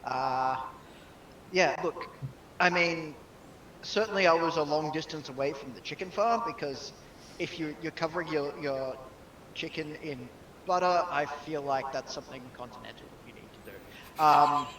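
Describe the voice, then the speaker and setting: Bright, halting man in a party game. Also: on the high side, distant mic. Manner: halting, rambling. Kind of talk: improvised in-character party game. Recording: echoey, noisy, off mic.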